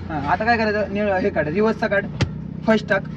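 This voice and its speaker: A man's voice: sits high, fast. A man from Maharashtra coaching a driver from the passenger seat, repeating short, bossy commands over and over. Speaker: driving instructor. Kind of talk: casual in-car coaching. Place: inside a car on the road. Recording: muffled, with loud road noise.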